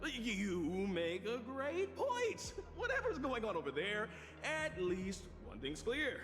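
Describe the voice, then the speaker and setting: A flippant male game-show host who keeps joking through disaster. His pitch sits high and leaps around unhurriedly. Long reverb and music colour the game audio. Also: huge pitch swings, slow pace, fairly bright tone, full character voice.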